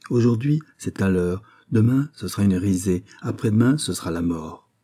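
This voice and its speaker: A man's voice: sits low, lively intonation, moderate pace, mellow, slightly rough. A teasing young court lady, as a male reader puts her on. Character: mocking young lady-in-waiting, teasing and ironic.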